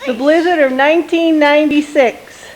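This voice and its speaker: A woman's voice: high voice, steady tone, moderate pace. A woman filming her children outdoors in the snow, narrating the home video and coaxing the kids to wave, heard through an old handheld camcorder's built-in mic. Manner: narrates what she films and coaxes the kids to wave. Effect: old camcorder audio with faint hiss. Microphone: built-in mic of the handheld camcorder she holds. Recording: old camcorder audio, faint hiss.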